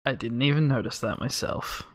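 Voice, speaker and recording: A podcast host opening the show and chatting with a relaxed, easygoing manner. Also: medium pitch. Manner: relaxed, easygoing, brisk scripted intro. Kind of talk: casual podcast chat and show intro.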